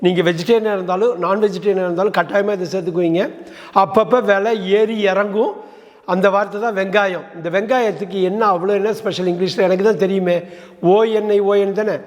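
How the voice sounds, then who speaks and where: A man's voice: sits high, fairly even intonation, fairly quick, dull audio. A man teaching English pronunciation, spelling words out letter by letter and asking the listener rhetorical questions. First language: Tamil. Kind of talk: explaining pronunciation. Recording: long hall reverb.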